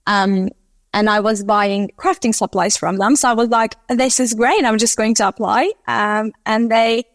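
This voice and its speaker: A woman's voice: on the high side, steady tone, a little slow, no echo. A woman in her thirties from Turkey, chatting easily as a guest in an interview, with many fillers. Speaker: SEO consultant guest. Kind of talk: casual interview talk.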